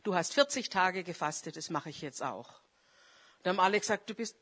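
A woman with a lowish, husky, expressive voice preaches a little fast in a fervent charismatic sermon. Loud calls give way to quiet confession and back again, and she stops to pray aloud during the message.

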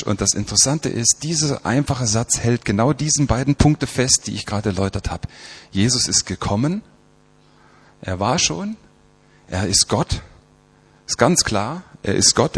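Husky-voiced man preaching a sermon. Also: mid-range voice, lively intonation. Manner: emphatic, rhetorical questions, slows down for quoted scripture.

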